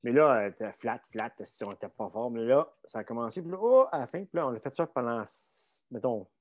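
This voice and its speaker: Man, Québécois accent, casual storytelling, animated, dry sound, mid pitch. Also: brisk, dry recording, lo-fi sound. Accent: Québécois French. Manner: animated, fills talk with "là" and mild swearing. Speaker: guest telling a story.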